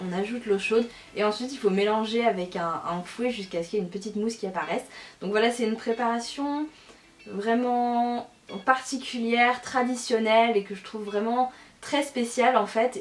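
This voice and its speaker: A woman talking casually and effusively as a lifestyle and beauty vlogger, chatting through her favourites. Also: medium pitch. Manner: enthusiastic, effusive. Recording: roomy echo, music behind. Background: music.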